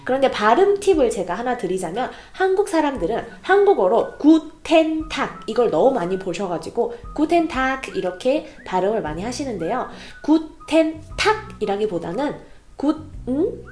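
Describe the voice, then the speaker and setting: A woman from Korea teaches a casual online German lesson, her voice pitched a little high and rising and falling in a lively way. She stops to repeat phrases slowly, and the room around her sounds echoey.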